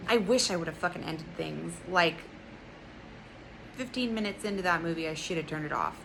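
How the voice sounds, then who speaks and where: A woman's voice: on the low side, normal speed, gravelly, noisy background. A young woman reviewing a movie in a casual vlog, ranting, profane and sarcastic.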